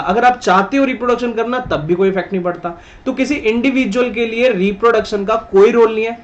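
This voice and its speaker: A high-voiced man gives a patient science lesson and keeps checking that his students follow. He calls them "beta" and repeats each point. The recording sounds dull and lo-fi. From India. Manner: patient, repetitive, addresses students as "beta", frequent "theek hai". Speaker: science teacher. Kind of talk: online class lecture.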